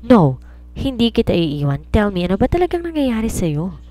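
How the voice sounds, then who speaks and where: A woman's voice: medium pitch, very animated, normal speed, dark tone, voice pushed up, lightly acted. A woman voicing a desperate young woman pleading with the man she loves in an audio romance story. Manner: pleading, emotional.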